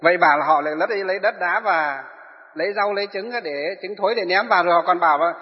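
A high-pitched man tells a Buddhist tale as a sermon. He keeps asking his listeners rhetorical questions and then answers them. The recording is dull and lo-fi, with a long echo from a large hall. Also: fast. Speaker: Buddhist preacher. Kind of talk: sermon storytelling. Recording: echoey hall, dull lo-fi sound.

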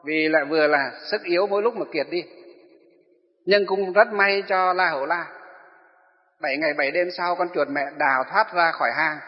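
A man's voice: fairly high pitch, moderate pace. A man telling a Buddhist story as a sermon. He keeps posing rhetorical questions and then answers them himself. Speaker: Buddhist preacher. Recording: echoey hall, dull lo-fi sound.

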